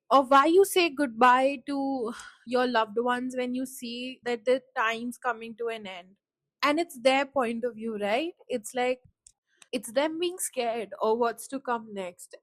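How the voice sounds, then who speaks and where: A woman's voice: high-pitched, no room sound. A woman hosting a solo podcast, talking in a reflective, rambling way with many fillers and her voice choking up with emotion. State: choked up, close to tears. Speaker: podcast host. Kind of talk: casual solo podcast talk.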